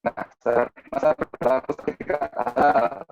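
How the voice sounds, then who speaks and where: A man giving an online presentation, his voice cutting in and out over a choppy video call, talking haltingly with many fillers. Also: mid-range voice, steady tone, vocal fry, darkish tone, dry recording, dull audio. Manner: halting, with frequent fillers and restarts. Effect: choppy, breaking-up video call audio. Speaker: webinar presenter. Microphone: computer mic on a video call.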